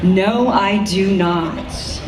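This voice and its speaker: A woman co-hosting a public event, speaking in an emphatic, deliberate announcing style. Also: medium pitch. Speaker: event co-host. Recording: roomy PA sound, distant, faint noise.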